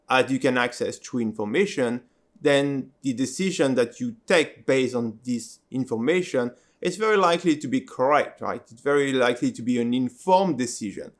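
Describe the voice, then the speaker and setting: A male host whose first language is French, earnestly explaining his point to viewers and often asking "right?". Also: medium pitch. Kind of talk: video introduction and interview.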